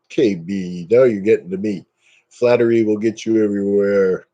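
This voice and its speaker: A man in his fifties chats through a live stream with a relaxed, mellow voice that sits a little low. He jokes easily and pokes fun at himself as he goes. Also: normal speed, highs cut off. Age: 50s. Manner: joking, self-mocking, chatty. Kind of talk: casual live-stream chat.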